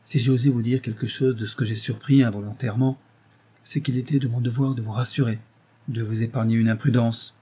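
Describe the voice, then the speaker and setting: A man voicing a hushed old servant. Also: medium pitch, steady tone, a little fast, breathy edge, close to an everyday voice. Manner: murmured, hushed. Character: old male servant, loyal, devoted.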